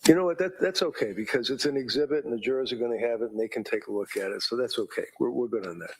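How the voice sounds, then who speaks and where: A man working as a defense attorney, cross-examining a witness in a courtroom recording, halting and repeating his words as he leads the questions. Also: medium pitch, darkish tone, husky, low-quality recording.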